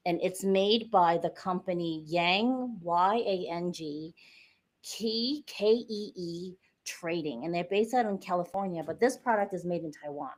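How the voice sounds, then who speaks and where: A woman's voice: lowish voice, a little slow. A middle-aged woman from the United States, a podcast guest chatting casually and explaining things step by step with a few fillers. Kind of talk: casual interview chat.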